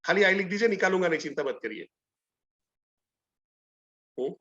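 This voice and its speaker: Middle-aged male trainer, higher pitched, animated storyteller, muffled lo-fi webinar audio. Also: moderate pace. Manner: animated storytelling, acts out both sides of dialogues. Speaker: sales trainer. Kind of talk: live online training session.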